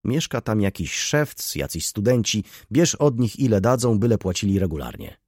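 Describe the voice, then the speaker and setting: A weary middle-aged merchant, secretive and curt, brushing questions aside, as a man reads him in an audiobook. The voice is low and gravelly with a husky edge, and the pitch swings widely. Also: very animated, moderate pace, a little mellow, no echo, studio quality, full character voice. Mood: offhand. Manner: curt, evasive, tired.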